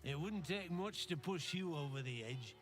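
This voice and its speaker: A curt, suspicious weapon dealer from a game with a bright, forceful voice that runs a little high. Faint music sits underneath. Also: male voice, lively intonation, normal speed. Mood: probing. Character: brusque male weapon seller with a temper.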